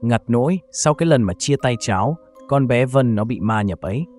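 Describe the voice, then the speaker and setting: A man voicing a gentle, nostalgic elderly village grandmother in a read-aloud horror story, soft-spoken and homely. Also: medium pitch, animated, normal speed, faint music behind, close to an everyday voice.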